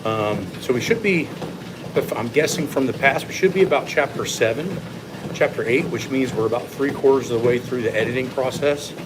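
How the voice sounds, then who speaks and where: A man who coaches fitness, talking casually to livestream viewers in a measured, opinionated way while walking on an incline treadmill. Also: medium pitch. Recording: loud steady treadmill machine noise. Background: treadmill running noise.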